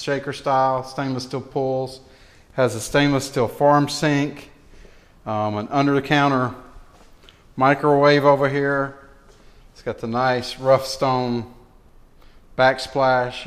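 Casual man giving an apartment tour. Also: mid-range voice. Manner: casual, matter-of-fact, with frequent fillers. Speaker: real estate leasing agent. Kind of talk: walkthrough apartment tour narration. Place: empty apartment, indoors, walking room to room.

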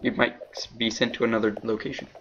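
Brief: dry teasing guy chatting while gaming, mid-pitched voice, hissy home mic. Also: little pitch movement, quick pace, dull audio. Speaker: gamer. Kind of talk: casual gaming chat.

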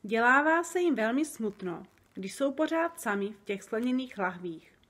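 A woman reading aloud and voicing a big, kind male giant who talks slowly and makes up odd words. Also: fairly high pitch, expressive, fairly bright tone. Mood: gentle. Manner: slow, wondering, jumbled made-up words.

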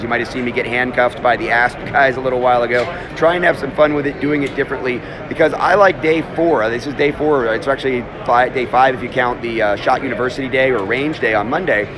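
A man in his fifties hosting a live walk-and-talk vlog, holding a phone at arm's length and talking fast and chattily in a large indoor trade show hall. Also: mid-range voice, steady tone. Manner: fast, chatty, self-interrupting. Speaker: host. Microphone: phone held at arm's length. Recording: busy trade show crowd behind. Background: crowd chatter.

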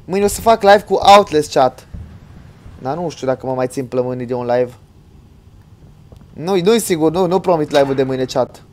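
A man streaming a horror game live, chatting with his viewers and yelping and shouting at every scare; he says he is tired from all the screaming. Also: on the high side, lively intonation, long pauses. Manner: jumpy, yelps and shouts when scared, talks to chat. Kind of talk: live gameplay commentary.

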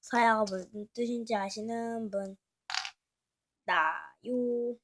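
A woman's voice: fairly high pitch, fairly even intonation, slow, a little hiss or hum. A woman narrating a homemade toy-brick drama in a casual, chatty way with mumbled asides.

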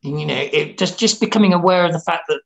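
Creaky-voiced man from Wales, halting speech. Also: a little high, poor audio. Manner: halting, with many restarts and repeated words. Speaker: writer, interview guest. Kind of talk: casual conversation.

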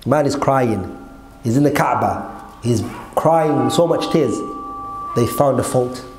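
A man's voice: medium pitch, takes it slowly, a little mellow. Man lecturing, echoey room. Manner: emphatic, conversational, with rhetorical questions and check-ins to listeners. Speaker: Islamic teacher. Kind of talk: religious lecture explaining a text to a class. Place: seated at a desk in a hall indoors. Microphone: gooseneck desk microphone. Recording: echoey room with faint background noise.

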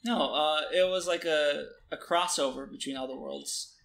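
A man's voice: fairly high pitch, vocal fry. Young man chatting while he plays. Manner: relaxed, halting, many fillers. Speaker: gamer. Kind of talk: casual let's-play commentary.

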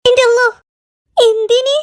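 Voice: extremely high pitch, flat delivery, unhurried. A voice actor voicing a jumpy, easily frightened middle-aged woman in a comic cartoon, with shrieking, whiny exclamations. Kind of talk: cartoon voice acting.

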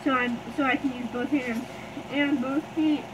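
A woman's voice: high-pitched, steady tone, moderate pace, noisy background. A young woman in her teens, talking through a gas mask in a rambling, hesitant review full of ums, recorded on a phone camera on a tripod. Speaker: gear reviewer. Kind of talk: casual product review.

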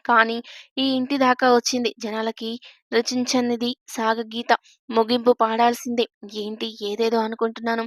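A woman narrating a first-person story in a steady, even storytelling voice. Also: fairly high pitch, dry recording, studio quality.

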